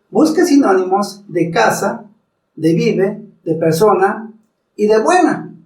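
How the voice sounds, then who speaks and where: A man teaching public speaking, talking formally to the viewer and slowly demonstrating pronunciation. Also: high voice, a little mellow, roomy sound, distant mic, poor audio. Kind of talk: instructional talk.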